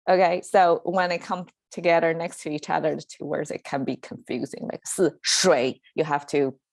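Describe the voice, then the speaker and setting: A Chinese-speaking woman with a Chinese accent hosts a casual language lesson from her home in Southern California, working as a language teacher and show host. She sounds hesitant, with lots of fillers and restarts, and laughs easily. Her low, darkish voice has vocal fry, little pitch movement, and a moderate pace, with no room sound.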